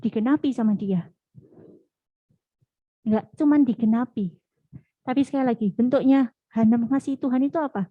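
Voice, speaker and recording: A young woman giving a casual youth sermon, chatty, acting out quoted dialogue in lively voices. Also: sits high, fast talker, no room sound, narrow, tinny audio. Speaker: youth preacher.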